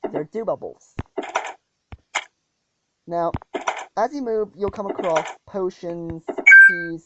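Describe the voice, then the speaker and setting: A woman hosting a casual gameplay walkthrough, talking hesitantly with many ums and restarts. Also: lowish voice. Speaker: gaming channel host. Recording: dull lo-fi audio with loud noise.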